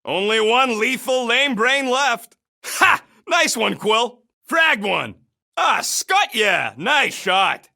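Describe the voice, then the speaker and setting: A small, cocky raccoon mercenary from a video game. The voice sits high and swings widely in pitch, with a bright, punchy bite and a rough street-tough edge. He is irritable and sarcastic, tossing out brash, slangy barks. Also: sing-song, slow pace, heavily acted. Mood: taunting, agitated.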